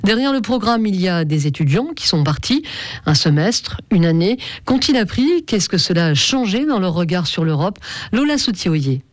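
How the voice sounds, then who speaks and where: A female news presenter reading scripted news copy crisply. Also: fairly low pitch, big pitch swings, moderate pace, dry recording.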